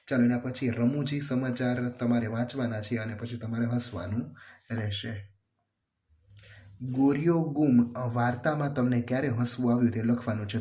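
A man going through a children's workbook as a teacher, reading questions and their answers aloud in a steady, plain way. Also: mid-range voice.

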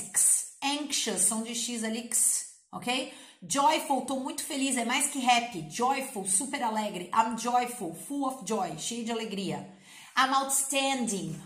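A Brazilian woman with a cold, teaching English in a playful, energetic way with slangy asides and coaxing repetition. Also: a little high. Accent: Brazilian Portuguese. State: has a cold. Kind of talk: energetic online English lesson. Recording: echoey room.

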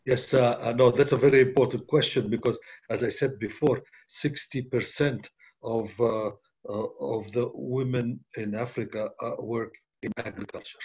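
Husky older man, halting video-call answers. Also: medium pitch, fairly even intonation, darkish tone. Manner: halting, many uh fillers and restarts. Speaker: panelist, development bank official. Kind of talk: answering questions on a webinar. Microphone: laptop webcam video call. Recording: muffled video-call audio.

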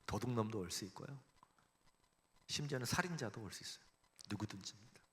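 A man's voice: fairly low pitch, lively intonation, fast talker. A man preaching a Sunday sermon as a church pastor, emphatic, acting out quoted voices and leading the congregation in reading. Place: church sanctuary. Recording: long reverb in a church hall.

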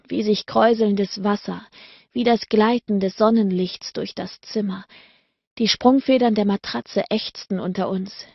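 A woman narrating a romance audiobook in a slow, measured, intimate reading. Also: medium pitch, creaky, husky, no room sound, lo-fi sound.

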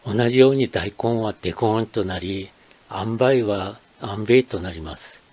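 An older man from Akita, Japan, reading a scripted narration as channel host in a measured, explanatory way. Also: on the low side, darkish tone.

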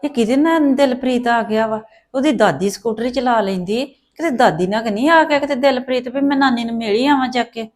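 A woman's voice: fairly high pitch, fairly quick, few pauses, close to an everyday voice. A woman playing a stern old grandmother who fusses over her grandson and scolds her daughter in a family drama. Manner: scolding and fussing. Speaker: maternal grandmother. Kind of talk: Punjabi family drama acting.

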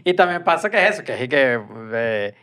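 A man's voice: on the high side, very animated, brisk, sharp tone, smooth. A man, co-hosting a casual chat, talking hesitantly with many fillers. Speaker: podcast co-host.

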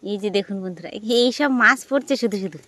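A woman's voice: medium pitch, lively intonation, fast talker, crowd noise. A woman from the Sundarbans narrating a casual village vlog outdoors, chatting to viewers as friends while walking. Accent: Bengali, Sundarbans. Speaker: vlogger.

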